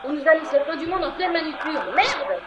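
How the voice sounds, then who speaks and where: A woman's voice: sits high, a little fast, heavy background noise, natural voice. A woman playing a petulant, spoiled young empress in an audio drama. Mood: petulant, frantic. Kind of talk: French audio drama acting. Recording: dull band-limited sound, loud music.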